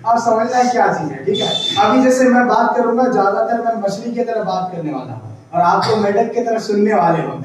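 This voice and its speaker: A man's voice: sits high, a little hiss or hum. A man telling a motivational story in a loose, chatty way, often quizzing his listeners. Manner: chatty, keeps asking the listener questions. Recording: very echoey room, far from mic.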